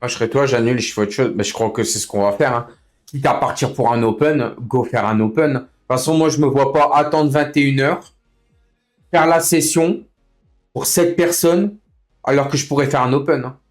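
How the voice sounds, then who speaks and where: A man's voice: medium pitch, normal speed. Fed-up man streaming, faint music behind. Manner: fed-up, complaining, repeats himself; slangy, informal. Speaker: livestreamer running an online racing league. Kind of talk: casual live stream chat with other players.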